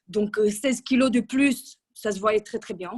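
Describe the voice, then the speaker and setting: A coaching client in her thirties gives a casual, chatty interview testimonial full of restarts and fillers. Her mid-range voice is darkish with a breathy edge, and she speaks a little slowly.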